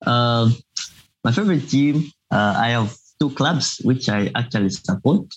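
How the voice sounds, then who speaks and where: A man's voice: mid-range voice, animated, measured pace, husky, muffled recording. A young man from Zambia, a student guest in a casual interview, speaking hesitantly with many fillers. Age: young adult.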